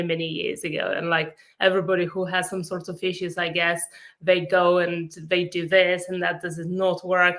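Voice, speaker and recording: A woman from Lithuania with a Lithuanian accent, speaking earnestly as an interview guest, pausing often with fillers. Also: lowish voice, sharp tone. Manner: earnest, hesitant with frequent fillers. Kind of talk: casual interview.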